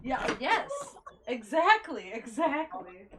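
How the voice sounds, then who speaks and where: Slow-talking bright-voiced woman streamer. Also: high voice, sing-song, slight background noise. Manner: crude, joking, mock-serious. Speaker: livestream host. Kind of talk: casual chat on a livestream.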